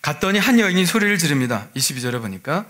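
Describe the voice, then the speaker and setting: A man's voice: a little high, big pitch swings, fast, bright, forceful tone. A male pastor giving a sermon in a conversational way, often asking his listeners rhetorical questions.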